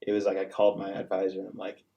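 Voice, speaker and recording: A man's voice: deep voice, monotone, rapid-fire, creaky, mellow, muffled recording. A young man, a college student-athlete, talking earnestly in a casual podcast chat with many fillers. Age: young adult.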